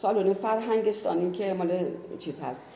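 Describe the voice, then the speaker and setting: A woman's voice: mid-range voice, gravelly, warm tone. A woman who teaches language, explaining earnestly in conversation and giving many spoken examples. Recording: roomy echo.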